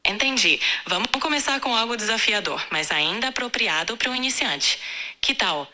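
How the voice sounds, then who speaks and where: Very bright synthetic female tutor voice. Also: fairly high pitch, animated, normal speed. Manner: polite, patient and encouraging. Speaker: AI language tutor.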